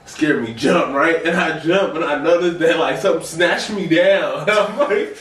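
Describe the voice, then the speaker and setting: A man's voice: a little high, a little slow, fairly bright tone, far from the mic. Slangy young man telling rambling stories. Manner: rambling storyteller, slangy, acts out quotes. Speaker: podcast co-host. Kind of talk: casual chat. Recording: roomy sound, off-mic, faint noise.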